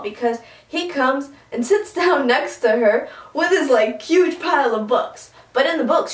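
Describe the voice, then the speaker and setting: Young woman, book reviewer, casual excitable chat, distant mic, roomy echo. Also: a little high. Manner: chatty, excitable, quick asides.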